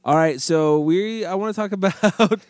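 Playful, smooth-voiced podcast host. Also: male voice, high-pitched, no room sound, clean studio sound. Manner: playful, quick to laugh, mock sports-commentary. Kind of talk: casual movie chat.

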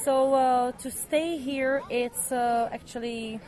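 A woman's voice: sits high, steady tone, takes it slowly, darkish tone. A woman who speaks natively, a programme organizer, answering interview questions hesitantly. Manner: hesitant, frequent fillers.

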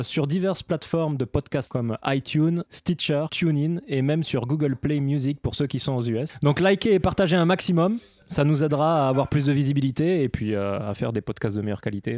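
A man's voice: a little high, darkish tone, no echo. A man with a southern French accent hosting a podcast in casual chat, joking and laughing often between filler words. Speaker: podcast host.

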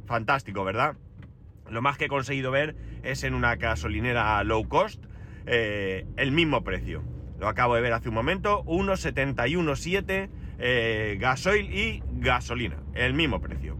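A middle-aged man with an accent from Spain talks casually to his listeners in a wry, grumbling way. His voice is bright and forceful, mid-pitched, and carries a head cold. A faint vehicle-like noise sits behind him. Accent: Spanish from Spain. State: has a head cold with runny nose. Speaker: podcast host. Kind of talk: casual personal monologue.

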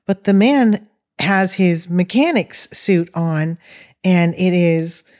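A middle-aged woman from northern Arizona tells her own story as a guest. Her voice sits a little low. She speaks earnestly and haltingly, often restarting her sentences. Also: a little mellow. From northern Arizona, USA. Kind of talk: recounting a personal experience.

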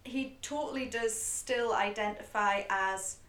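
A woman's voice: medium pitch, a little slow, fairly bright tone. A woman co-hosting a podcast who chats candidly, swears freely and reads narration between conversations. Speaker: podcast co-host. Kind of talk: casual chat and scripted narration. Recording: roomy echo.

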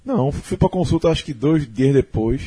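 Male storyteller, dark and husky; rambling anecdote with acted-out dialogue. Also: fairly high pitch, animated, normal speed. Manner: rambling storyteller who acts out quoted dialogue. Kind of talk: casual anecdote.

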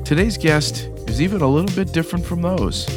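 Measured male podcast host. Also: on the high side, lively intonation, music in the background. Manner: earnest, measured questioning with small restarts. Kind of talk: podcast interview, scripted intro then conversational questions.

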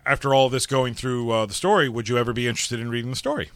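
A man's voice: medium pitch, racing, a bit bright, dry recording. A man hosting a podcast, talking casually and reflectively with some self-deprecating humor. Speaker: podcast host.

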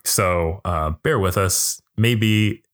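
A man's voice: low-pitched, very slow. A man co-hosting a gaming podcast, chatting casually and joking around. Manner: joking, rambling. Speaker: podcast co-host. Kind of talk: casual chat.

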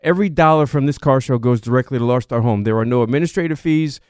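Man, sixties, emphatic, casual interview talk, crisp voice. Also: mid-range voice, fast, darkish tone, dry recording, studio quality. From Queens, New York. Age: 60s. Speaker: car show organizer and car collector guest.

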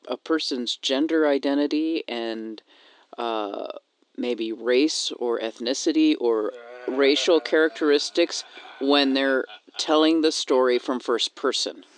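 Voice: mid-range voice, dry recording. A podcast co-host who reads out a listener's question and then steers the talk back to it in a casual way. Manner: reads a listener question aloud, then adds brief interjections. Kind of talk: casual chat.

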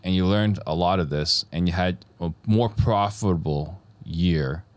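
A male podcast host with a very low, deep voice leads a casual interview. He is easygoing and often stumbles over and repeats his words. The recording is dry, with no room echo. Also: a little slow.

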